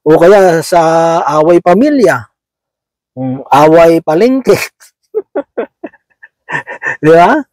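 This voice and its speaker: High-voiced man preaching. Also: lively intonation, extremely slow, long pauses, darkish tone, dry recording, rough recording. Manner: conversational, asks "no?" and "di ba?" after nearly every phrase. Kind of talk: sermon.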